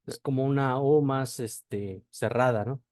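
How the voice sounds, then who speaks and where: In a dry recording, an unhurried male language teacher with a warm, low voice explains things slowly to his class. He keeps tagging "¿sí?" onto every point and breaks sounds down slowly, one by one.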